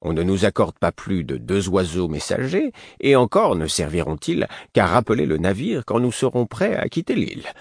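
A man voicing an older male spymaster who speaks in a measured, ironic way, in an audiobook. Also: low voice, wildly swooping pitch, creaky, no room sound, clean studio sound, full character voice. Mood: wry.

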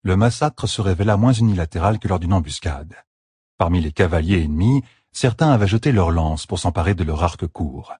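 A man narrating a fantasy battle audiobook with steady, dramatic storytelling. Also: low voice, fairly quick, husky, no echo, studio quality.

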